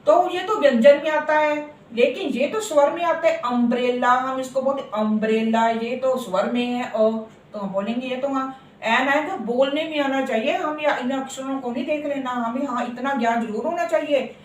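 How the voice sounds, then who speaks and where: An English teacher with a somewhat high voice gives a grammar lesson, slowly repeating and stretching out key words while repeatedly asking the listener to agree. She's recorded from a distance in an echoey room, with faint noise in the background.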